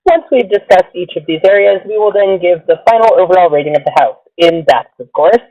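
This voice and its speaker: A man's voice: high voice, a little fast, no echo. A man hosting a podcast in a casual, chatty style. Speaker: podcast host. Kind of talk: casual chat. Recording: dull lo-fi makeshift recording.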